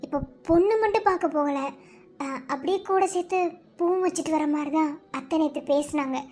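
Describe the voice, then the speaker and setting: A woman voicing a calm young sister-in-law in a cartoon, talking softly and gently reasoning. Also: high-pitched, a little fast, natural voice. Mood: gentle.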